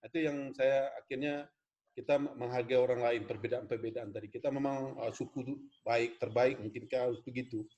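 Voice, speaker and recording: A man's voice: mid-range voice, fairly even intonation, fairly quick, darkish tone, lo-fi sound. A man from West Sumatra, lecturing in an online class, earnest and rambling, often addressing students as "Pak". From West Sumatra, Indonesia. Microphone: video call.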